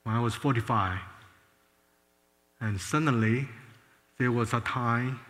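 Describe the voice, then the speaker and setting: Older man with a bright voice in a reverberant hall. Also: mid-range voice, unhurried. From Taiwan. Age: 60s. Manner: earnest storytelling with frequent restarts. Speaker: former space scientist giving a testimony. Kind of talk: personal testimony talk.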